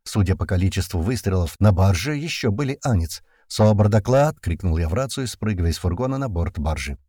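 A man's voice: deep voice, lively intonation, fast, slightly rough, dry recording, clean studio sound. A man narrating a first-person action audiobook in a tense storytelling manner. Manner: tense storytelling with shouted commands.

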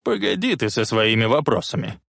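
A man voicing a wheezing, cranky old man who talks in a bossy, insistent way and turns shrill when angry. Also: big pitch swings, fairly quick, gravelly, a bit bright, no room sound, clean studio sound, exaggerated voice.

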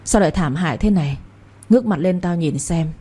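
Brief: cruel scheming matriarch, deep warm but shrill-edged, sneering orders, woman doing the voice, dark husky tone. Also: brisk. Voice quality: deep warm voice with a sharp, shrewish edge. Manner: sneering and commanding. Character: scheming older woman crime boss, cruel, shrewish.

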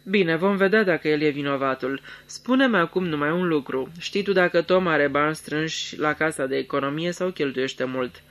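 A man's voice: a little high, few pauses, fairly bright tone, close to an everyday voice. A man doing a cold, scheming lord. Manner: icy and commanding, bursts into thundering anger. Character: cold, scheming young English lord, quick to rage. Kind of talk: radio theatre reading.

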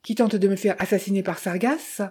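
A woman's voice: medium pitch, brisk, mellow, breathy edge, lightly acted. A woman voicing a tense young man posing as a detective, speaking curtly in a storybook reading. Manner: curt, clipped, through clenched teeth.

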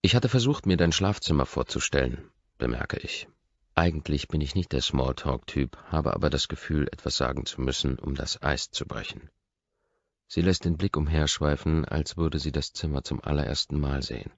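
Male audiobook narrator, measured and softly intense; very low, gravelly voice. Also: steady tone, no room sound, muffled recording. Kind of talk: first-person audiobook narration.

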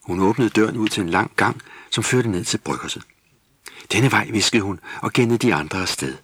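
A man narrating a Christmas children's story in steady, scripted storybook style. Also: on the low side, breathy edge, dry recording.

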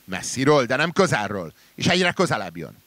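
A man's voice: mid-range voice, very animated, a bit bright, no room sound. A man voicing a seasoned, matter-of-fact male travel companion in a read-aloud story. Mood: alarmed.

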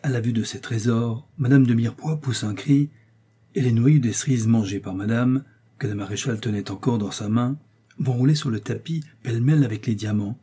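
Dark husky male storyteller. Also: medium pitch. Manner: measured storytelling, voicing characters. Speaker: audiobook reader. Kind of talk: literary audiobook narration.

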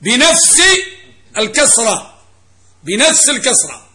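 A man's voice: extremely high pitch, big pitch swings, a little slow, pushed and bright. A middle-aged man teaching a classroom grammar lesson as a religious teacher, quizzing students and repeating key phrases.

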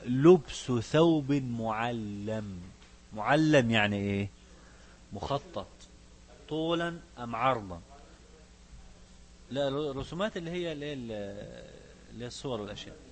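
Speaking quickly and with animation in a mid-range voice, this Egyptian-accented sheikh pauses often while teaching from a fiqh book. He alternates classical recitation with everyday asides and questions his students along the way.

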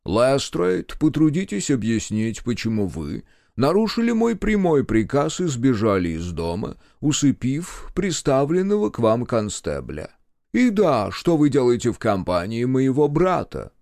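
A man voicing a cold, ironic senior official who speaks with quiet menace, in an audiobook. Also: medium pitch, sing-song, a little slow, creaky, no echo, studio quality, pitched above the performer's own voice. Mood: irritated. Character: stern, sarcastic senior government official, older man.

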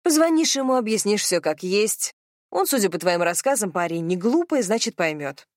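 A woman voicing a practical young woman who reassures her friend in a brisk, lively way. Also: medium pitch, no echo, studio quality, natural voice. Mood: reassuring.

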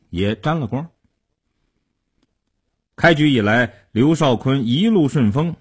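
A man with a Beijing Mandarin accent telling a long serialized story in a traditional storytelling style, with an animated, swooping delivery. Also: medium pitch, breathy edge.

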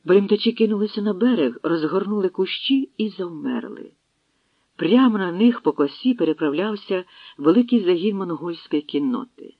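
A male narrator reads a battle-filled historical tale with dramatic pacing, his voice sitting slightly high for a man. The recording is dull and lo-fi, very dry, with no room sound. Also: lively intonation, moderate pace, dry recording. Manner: dramatic storytelling. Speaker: audiobook narrator. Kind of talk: scripted narration.

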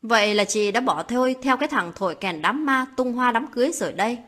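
A woman narrating a late-night story as a storyteller, in a calm, steady reading voice. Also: on the high side, fast talker.

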